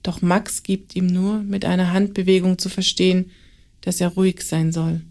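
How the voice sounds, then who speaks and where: Calm woman reading a story. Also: lowish voice, moderate pace. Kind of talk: scripted children's story narration.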